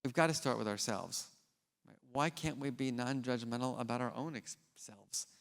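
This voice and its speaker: A man and scientist giving a keynote on a large theater stage, telling stories in an animated, casual way. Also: medium pitch, normal speed, gravelly. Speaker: keynote speaker. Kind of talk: conference keynote with storytelling. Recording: long hall reverb in a theater.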